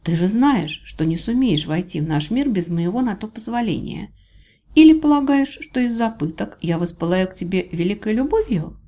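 A proud shapeshifting heroine fires back defiantly, her voice lifting higher and livelier than the narration, as a woman reading a storybook plays her. Sharp-tongued and unbowed. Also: lively intonation, normal speed. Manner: defiant, snappish. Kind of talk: audiobook character voice.

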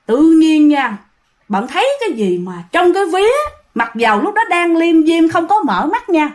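A woman narrating ghost stories in a casual, animated way, talking straight to her listeners. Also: very high-pitched, normal speed. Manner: animated, addresses listeners as "các bạn". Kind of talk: casual spoken storytelling.

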